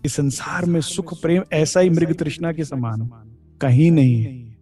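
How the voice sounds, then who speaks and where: Mellow-voiced man giving a devotional talk. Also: a little high, normal speed, soft background music. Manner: explains scripture, quotes verses, chuckles often. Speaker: spiritual speaker. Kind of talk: devotional discourse.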